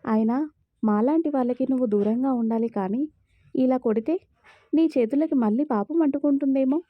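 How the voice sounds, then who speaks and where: A female narrator voices a resentful young husband in this audio story. He talks with sharp sarcasm and a wounded, brooding edge. The voice sits fairly high and the recording is dry and a little muffled. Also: normal speed, dry recording. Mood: sarcastic.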